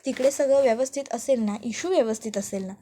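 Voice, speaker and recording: A worried mother, as a woman narrator puts her on, frets aloud and prays in a high, soft-edged voice. She sounds anxious and devout in this retold serial scene. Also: fast talker, lightly acted. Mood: fearful. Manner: fretful, prayerful.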